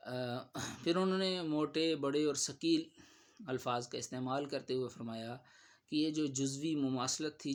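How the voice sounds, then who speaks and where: A man giving spoken commentary on a religious dispute in a measured, admonishing tone. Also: medium pitch.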